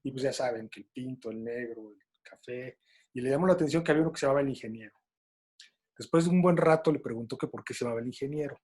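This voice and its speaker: A man's voice: medium pitch, quick pace, a little mellow, breathy edge. A man with a Mexican accent moderates a panel talk in a loose, colloquial way and tells stories along the way. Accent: Mexican Spanish.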